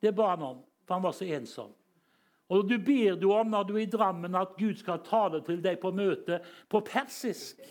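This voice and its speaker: A man preaching a charismatic sermon, telling stories and bursting into shouted hallelujahs. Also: high voice. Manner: storytelling that swings up into shouted hallelujahs, chuckles.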